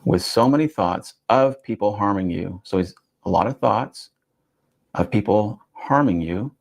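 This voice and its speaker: A man doing statement analysis in a measured, questioning way, dwelling on and repeating key phrases. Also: fairly low pitch, lively intonation, vocal fry, darkish tone. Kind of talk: analytical commentary.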